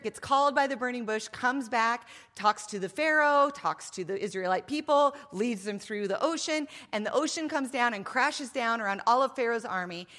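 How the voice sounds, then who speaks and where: Her voice high and fairly bright, a fifty-something speaker addresses a women's event with a faith talk on a microphone. She's emphatic, playful and prone to asides, and a large hall's long reverb trails her words.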